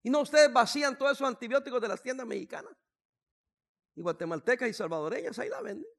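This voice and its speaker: Gravelly high-pitched man preaching, age sixty. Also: sing-song, fast. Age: 60s. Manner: humorous storytelling, swings from quiet asides to shouting. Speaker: pastor. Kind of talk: sermon.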